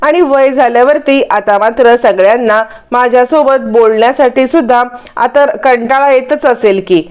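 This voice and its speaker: A woman's voice: on the high side, moderate pace, a little mellow, clear, resonant tone, muffled recording, natural voice. A woman voicing an old grandmother who pities herself and overacts in a whiny, melodramatic way. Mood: self-pitying.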